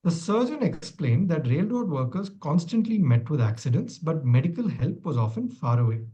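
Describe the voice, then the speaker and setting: A man's voice: a little high, mellow, low-quality recording. A man acting as quizmaster, reading long questions and adding dry, wry asides.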